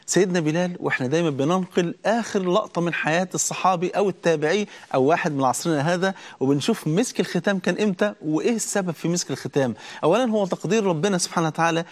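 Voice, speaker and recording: Egyptian male preacher, rapid-fire fervent sermon delivery, pitched a bit high, pressing emphasis. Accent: Egyptian Arabic. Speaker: preacher hosting a Ramadan program. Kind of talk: religious sermon.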